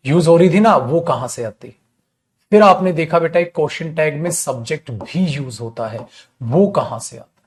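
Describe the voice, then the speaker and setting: With a somewhat high voice, this male teacher runs a live online lesson in an animated style. He calls his students "beta," fields his own questions, and slows to spell out English sample sentences.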